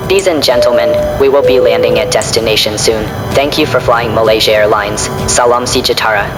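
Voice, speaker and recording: A man's voice giving formal plane cabin announcements in an even announcer delivery, as a game's airline announcer. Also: mid-range voice, fairly quick, over loud music, poor audio.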